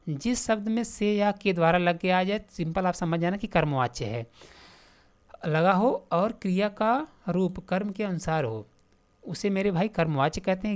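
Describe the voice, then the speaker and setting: A woman's voice: medium pitch, a little mellow. A woman teaching an exam-prep grammar lesson in a casual, repetitive way, reading out answer options and calling her students "my brother". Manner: casual, repetitive explaining, calls listeners "my brother"; reads out question options one by one.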